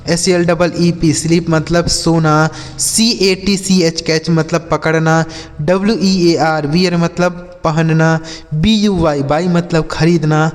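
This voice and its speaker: A man teaching English words, spelling each one letter by letter and slowing down to read out example sentences. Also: fairly high pitch, long reverb tail. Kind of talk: spelling and word-meaning lesson.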